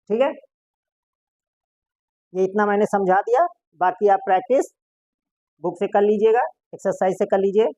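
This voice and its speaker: A woman's voice: medium pitch, measured pace, pauses often, dark tone, no echo. A woman teaching a shorthand lesson, asking her class questions and answering them herself.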